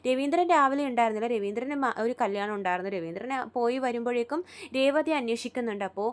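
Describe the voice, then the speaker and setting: A woman retelling a TV serial episode in a rapid, chatty way, with frequent restarts. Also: on the high side. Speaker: serial recap vlogger.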